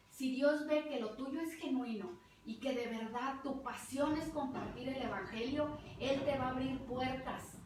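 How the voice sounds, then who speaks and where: A middle-aged Mexican woman preaches with fervor, repeating words to drive her point home. Her fairly high voice rings through a very echoey hall, picked up from a distance with a faint ambient hum behind. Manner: fervent, repeats words for emphasis. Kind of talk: testimonial sermon.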